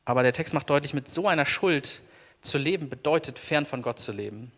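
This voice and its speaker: A man preaching a sermon as pastor, earnest, slowing down to stress key words. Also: medium pitch, expressive, a bit bright. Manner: earnest, slows down for emphasis. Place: church. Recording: long church reverb.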